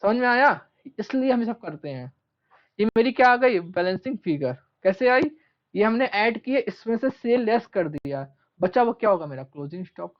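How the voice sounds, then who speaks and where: A man's voice: high voice, animated. Male teacher, classroom lecture; repeats and stretches key terms; dull recording. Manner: asks questions and answers them himself, repeats key terms; stretches out terms slowly while writing. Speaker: commerce teacher.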